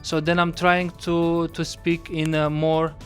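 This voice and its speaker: A man co-hosting a casual chat who pauses and searches for words as he tells a story. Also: fairly high pitch, level tone, faint music behind. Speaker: podcast co-host.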